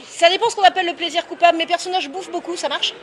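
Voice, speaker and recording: A woman's voice: extremely high pitch, very fast. A young adult woman author answering interview questions casually and candidly, with lots of hesitations. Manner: lively, candid, many hesitations. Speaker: author guest.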